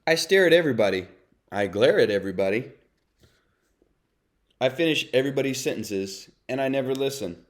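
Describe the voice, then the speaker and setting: A man's voice: medium pitch, animated, fairly quick, long pauses, lightly acted. A man reading a children's storybook as a brooding, self-confessed bad sunflower seed, in a dramatic, confessional way. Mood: grumpy, confessional. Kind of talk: children's read-aloud narration.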